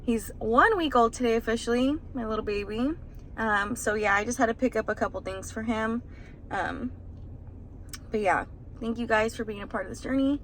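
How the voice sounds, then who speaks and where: A woman's voice: fairly high pitch, moderate pace, fairly bright tone, a little hiss or hum, rough recording. A young woman, a new mother, casually telling a vlog story in a rambling, emotional way, still stressed and shaken. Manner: rambling, emotional retelling with many fillers.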